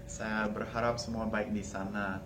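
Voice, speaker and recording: A man's voice: fairly low pitch, flat delivery, unhurried, noisy background. A young American man, a native English speaker, speaking Indonesian as a foreigner with some Malay words mixed in, casually introducing himself to camera. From United States. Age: young adult. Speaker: university language student.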